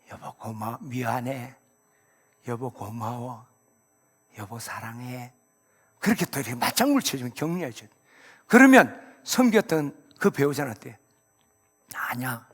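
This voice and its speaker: A man preaching a sermon as pastor, lively, breaking into loud exclamations and acted-out quotes. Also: fairly high pitch, creaky, slightly rough, long reverb tail. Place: church sanctuary.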